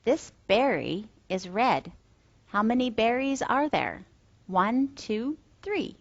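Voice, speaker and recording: A woman's voice: a little high, sing-song, slow pace. A woman giving a question-and-answer lesson for young learners, as if reading to a toddler, asking simple questions and answering them plainly. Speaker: children's English teacher. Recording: slightly dull, dry close sound.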